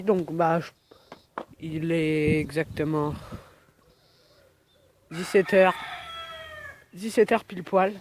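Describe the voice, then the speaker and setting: A young vlogger with a cold films his yard outdoors on a phone camera, rambling casually with lots of fillers. His voice is high-pitched, and a little hiss or hum is audible.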